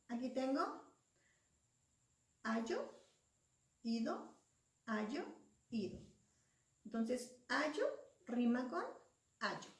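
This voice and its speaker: Slow patient woman teacher, echoey room. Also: fairly high pitch. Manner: patient, spells out syllables and letters. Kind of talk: slow classroom explanation. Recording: echoey room, voice far from mic.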